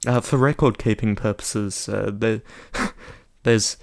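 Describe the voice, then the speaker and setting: A man's voice: on the low side, steady tone, slow pace, gravelly. A man co-hosting a podcast, chatting casually and telling wry film anecdotes. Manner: wry storytelling with laughs. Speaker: podcast co-host. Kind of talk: casual chat.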